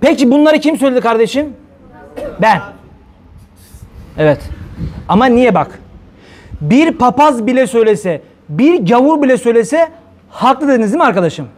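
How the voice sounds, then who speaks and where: Guy preaching all fired up, really high voice, keeps asking the crowd questions. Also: very animated, normal speed, pauses often, a little mellow, a little hiss or hum. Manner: rhetorical questions, heated and indignant. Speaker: religious preacher. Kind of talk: fiery religious talk to viewers.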